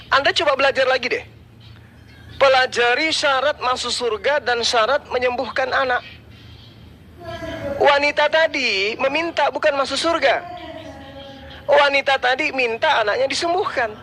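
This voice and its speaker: A man rebutting in a religious debate, lecturing in a forceful, dismissive way. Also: extremely high pitch.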